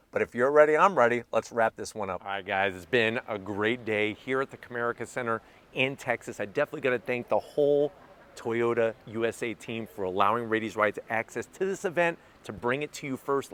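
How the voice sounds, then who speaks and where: A man's voice: medium pitch, a bit bright, slight background noise. A man hosting a playful, jokey walkaround review from inside a pickup truck at an event. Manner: jokey, playful, upbeat salesman-like patter. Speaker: car reviewer host. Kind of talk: enthusiastic vehicle walkaround.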